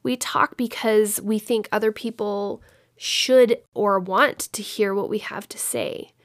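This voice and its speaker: A woman's voice: mid-range voice, steady tone, slow pace, dry recording, studio quality. A woman in her thirties from Texas gives an informal talk on communication, explaining with personal stories. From Dallas-Fort Worth area, Texas. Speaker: speaker on communication.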